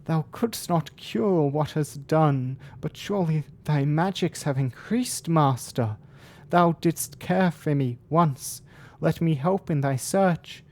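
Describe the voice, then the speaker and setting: A man voicing a forlorn, abandoned spirit trapped in a bottle in a fantasy game, pleading mournfully and slowly. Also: fairly high pitch, a little mellow, pitched above the performer's own voice. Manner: slow, mournful, archaic pleading.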